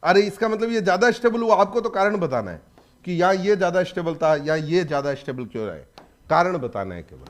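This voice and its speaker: High-voiced man teaching chemistry briskly. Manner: lively, prods students with quick questions. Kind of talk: classroom lecture.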